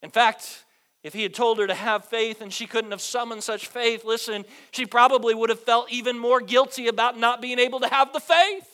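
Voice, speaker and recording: High, bright-voiced preaching pastor. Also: male voice, steady tone, normal speed. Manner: preaching with rhetorical questions and a repeated "right?"; swings between loud emphatic lines and hushed low ones. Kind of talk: sermon.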